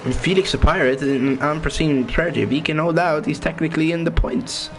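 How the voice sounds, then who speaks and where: A man's voice: fairly high pitch, a little fast. A man giving casual commentary on an online racing league, rambling, stumbling over names and words, with his voice cracking. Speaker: race commentator.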